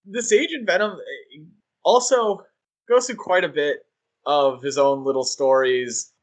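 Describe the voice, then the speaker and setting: Unhurried and on the high side, this man's voice belongs to a podcast co-host. He keeps things chatty, cracks jokes, and fills his talk with frequent fillers.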